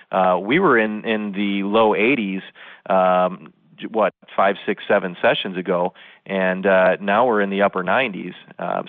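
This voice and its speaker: A man with a very low voice talks through the markets over a tinny phone line. He is analytical and peppers his explanations with frequent filler sounds. The call sounds dry and close, with none of the room coming through. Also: no echo. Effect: heard over the phone. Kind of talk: interview commentary.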